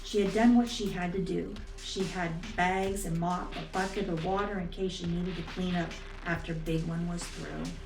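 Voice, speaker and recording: A woman with a soft, velvety voice narrating a scripted dark short story. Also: lowish voice, steady tone, normal speed, few pauses. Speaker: storyteller reading own stories. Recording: roomy, distant, music behind.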